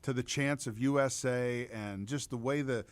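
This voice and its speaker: A man speaking as a guest on a podcast, telling stories in an animated, enthusiastic way. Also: medium pitch, moderate pace, no room sound. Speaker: podcast guest, state legislator. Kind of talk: casual podcast chat.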